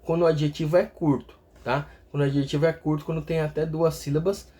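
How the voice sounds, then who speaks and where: In a video lesson, a man explains English grammar step by step, regularly pausing to check in with viewers and ending phrases with a checking "tá?". His voice is fairly high and warm, with little pitch movement, and he talks fast.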